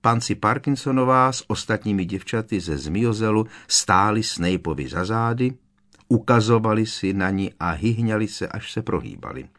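A man narrating a children's fantasy audiobook in an expressive storytelling manner, switching voices for the characters. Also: fairly low pitch. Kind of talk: scripted narration.

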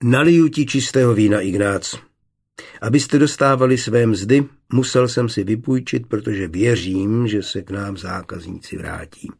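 A man voicing a bitter, proud middle-aged glassworks master deep in debt, in an audiobook. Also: gravelly, hardly any pauses, husky.

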